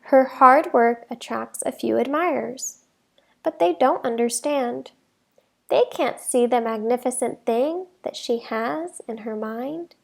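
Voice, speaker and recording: A teacher with a high voice and some vocal fry reads a children's storybook aloud. She takes her time and stresses key words for young listeners, giving each line deliberate, expressive phrasing as at story time.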